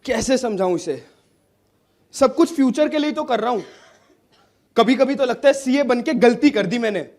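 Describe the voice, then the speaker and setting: A man's voice: extremely high pitch, expressive, moderate pace, long pauses, darkish tone. An Indian-accented man playing a harried accountant pleading with his wife on the phone. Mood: weary. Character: harried male accountant juggling angry wife. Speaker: chartered accountant. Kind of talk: stage drama acting.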